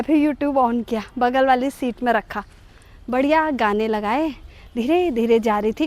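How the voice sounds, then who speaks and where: A middle-aged woman telling a comic personal story to her viewers in an animated, self-mocking way. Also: high-pitched, no echo. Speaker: vlogger.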